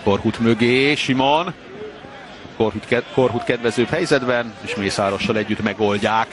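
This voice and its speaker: A man working as a football commentator, following the play live. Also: medium pitch. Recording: crowd and noise, live match broadcast.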